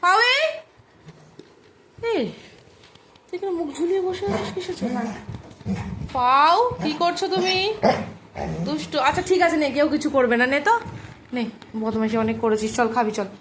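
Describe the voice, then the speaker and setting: A woman's voice: high voice, normal speed, long pauses. A woman talking to her pet dogs in coaxing baby talk, playfully scolding them. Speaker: pet owner vlogger. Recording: loud background noise with dogs barking. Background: dogs barking.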